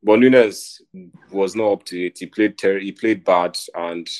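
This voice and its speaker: Animated low-voiced man. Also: a little slow. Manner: animated, rambling, says "bro" a lot. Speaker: podcast co-host. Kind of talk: casual football chat.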